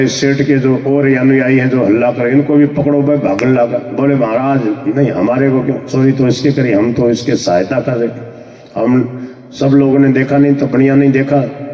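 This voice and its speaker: A man's voice: medium pitch, dark tone, recorded from a distance. Man preaching in an echoey hall. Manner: acts out the story's people in quoted speech. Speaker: preacher telling a parable. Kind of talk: satsang sermon storytelling. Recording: echoey hall, picked up from afar.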